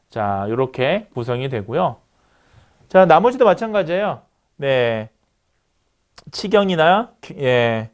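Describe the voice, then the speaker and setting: Male lecturer, middle-aged, fairly high and animated; steady classroom explaining with frequent "so, yes" fillers. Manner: explains step by step, many "자" and "네" fillers; writes on screen while talking. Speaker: university lecturer. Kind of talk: recorded online lecture.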